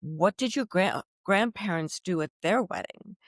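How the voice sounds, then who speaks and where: Her voice is on the low side and a little slow, captured cleanly in the studio without any room sound. This middle-aged Belgian wedding officiant chats expressively in a relaxed podcast interview, frequently breaking off and restarting.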